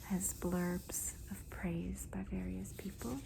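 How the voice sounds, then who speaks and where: A woman talks about books in a hushed, whispery ASMR style. Her delivery is very unhurried and deliberate, with gentle pauses and a crackly fry in the voice. Clear background noise sits behind her words. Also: on the low side, completely flat delivery. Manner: slow, deliberate, gentle pauses between phrases. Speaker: host of a book haul video. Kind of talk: soft-spoken ASMR book talk.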